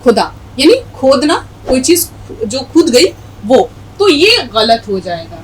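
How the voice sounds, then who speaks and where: Middle-aged woman teacher, high voice, spells out letters slow and patient, faint hiss behind. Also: big pitch swings, low-quality recording. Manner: patient, spells out letters slowly and repeats words. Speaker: Urdu teacher. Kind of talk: language lesson, explaining a poem and spelling.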